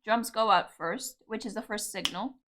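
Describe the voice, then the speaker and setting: Over loud music, a young woman from Cyprus reacts to songs as a video host, speaking at a moderate pace in a mid-range voice. Her casual commentary is gushing and enthusiastic, packed with fillers and affectionate comments.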